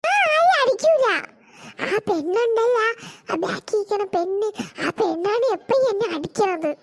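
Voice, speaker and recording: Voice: very high voice, animated, measured pace, heavily acted. A voice actor doing a whiny mischievous little boy. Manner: whiny, protesting. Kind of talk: cartoon voice acting.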